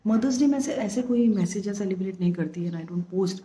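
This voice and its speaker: Exasperated woman venting, mellow voice. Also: mid-range voice, normal speed, slight background noise. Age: 30s. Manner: exasperated, emphatic, mixing English into Hindi. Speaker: vlogger, former flight attendant. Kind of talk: candid personal vlog monologue.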